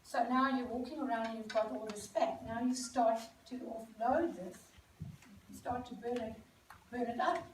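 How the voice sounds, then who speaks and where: At a celebration event, a South African woman with a slightly high, steady voice gives an informal talk to a live audience, explaining as she goes with many ums and self-corrections. The mic is far from her in an echoey indoor venue, and there's noticeable noise around her.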